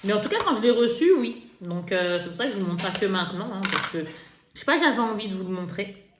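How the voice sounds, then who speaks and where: A chatty woman vlogger talks through a makeup haul, laughing and teasing herself as she goes. Her pitch swings up and down a lot. She sounds a bit roomy and echoey, with a faint hiss behind her. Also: quick pace. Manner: chatty, laughing, lively, self-mocking. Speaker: beauty vlogger. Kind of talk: casual haul vlog. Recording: echoey room with faint noise.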